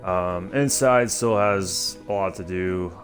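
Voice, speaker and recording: A man's voice: sits low, takes it slowly. A man with a slightly nasal, stuffy voice, chatting loosely through a casual gaming livestream, rambling with lots of fillers. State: stuffy from allergies. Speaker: streamer. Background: music.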